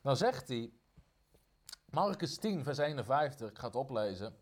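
A man preaching a sermon, emphatic, repeating phrases and slowing down on key lines. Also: mid-range voice, sing-song.

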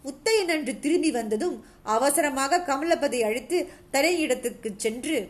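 A woman reading a novel aloud as a narrator, in a steady storytelling manner with occasional restarts. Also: high voice, moderate pace.

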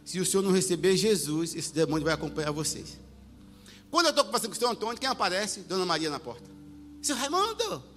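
A man preaching a sermon, telling a story with animated delivery, acting out voices and sometimes shouting. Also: high-pitched, fast. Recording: long hall reverb with faint music.

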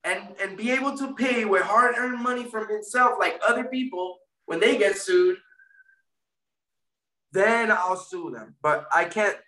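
This is a casual interview with a First Amendment auditor, a man from Puerto Rico raised in Florida, speaking unhurriedly in a high, bright voice. His talk rambles with frequent repeats and restarts, and he is recorded from a distant mic in a room with strong echo.

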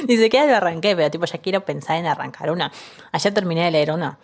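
Young Rioplatense woman, podcast co-host, easygoing chat, slightly low pitch. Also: lively intonation, quick pace. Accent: Rioplatense Spanish. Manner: chatty, laughing, many fillers. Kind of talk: casual chat.

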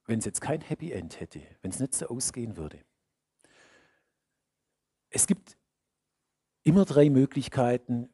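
Husky preacher, swinging loud to hushed. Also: male voice, medium pitch, no echo, clean studio sound. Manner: emphatic, repeats key phrases, swings between loud and hushed. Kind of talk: sermon.

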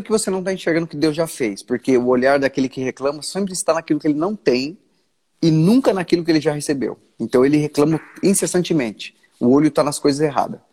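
A Brazilian man who is a pastor speaks with a husky, slightly breathy voice pitched a little high. He talks earnestly in a relaxed devotional chat, restarting sentences and drawing out key phrases. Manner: earnest, restarts often, slows for emphasis.

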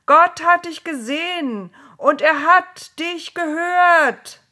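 A woman voicing a group of anxious angels who plead urgently, with loud, raised calls. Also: extremely high pitch, takes it slowly, pitched above the performer's own voice, exaggerated voice. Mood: soothing.

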